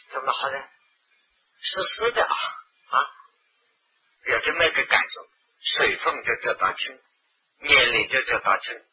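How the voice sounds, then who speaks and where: A man giving an animated Buddhist dharma lecture to an audience, acting out scenes with loud exclamations, on a dull lo-fi recording. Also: mid-range voice, slightly rough. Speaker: Buddhist teacher.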